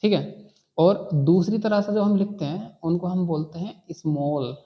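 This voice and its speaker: In this classroom lesson, a high-voiced man takes his time teaching English to beginners. He is patient and repetitive, stressing key words again and again and checking on his students with "ठीक है" as he goes. The recording sounds dull and lo-fi.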